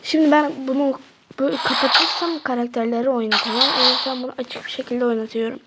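A woman's voice: high-pitched, steady tone, fast talker, heavy background noise. A woman narrating a doll play story, chatting to viewers as she explains what the characters are doing.

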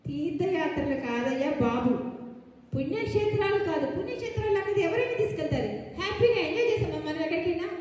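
Brief: actress as a high-pitched, fast-scolding complaining wife, stage comedy, echoey hall. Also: female voice, lively intonation, a little mellow. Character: nagging young wife, later pleading Savitri. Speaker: stage actor in rehearsal. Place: rehearsal hall. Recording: echoey hall, room reverb.

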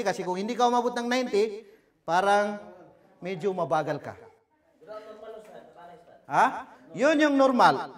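A Filipino man giving a lecture on public speaking, moving from loud emphasis to a soft murmur and acting out bad delivery. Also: sits high. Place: cultural center hall. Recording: voice from far off the mic.

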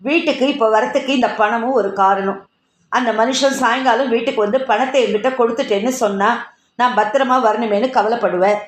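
A woman voicing a playful young man who teases gently and then reassures, read in a roomy space. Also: very high-pitched, fairly even intonation, a little fast. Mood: explaining. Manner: teasing, soothing.

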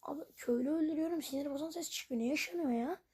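A woman's voice: sits high, fast, darkish tone. A woman commenting on her own game as she plays, puzzled and rambling, and she keeps talking to her viewers. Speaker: gaming channel host. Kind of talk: Minecraft let's play commentary.

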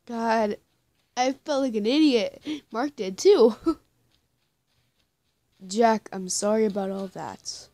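Slow-talking giggly woman. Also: fairly high pitch, animated, mellow, no echo. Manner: giggly, self-deprecating asides. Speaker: comic dub reader. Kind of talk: casual reaction commentary.

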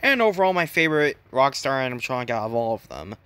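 A young man talks through his opinions in casual commentary, with a lively voice that rises and falls a lot. He stumbles and restarts often. The sound is close and dry. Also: medium pitch, quick pace, clean tone, dry recording. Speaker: video commentator.

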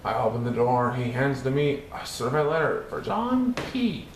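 At normal speed and medium pitch, a male storybook reader chants a rhyming children's picture book in a theatrical, rhythmic, sing-song style. Echo from the room and some background noise come through on the recording.

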